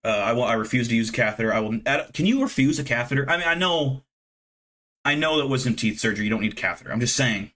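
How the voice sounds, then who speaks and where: On a live stream, a man in his thirties rambles animatedly and fast, with a medium-pitched, fairly bright voice. He swears freely and is self-deprecating as he hops between topics.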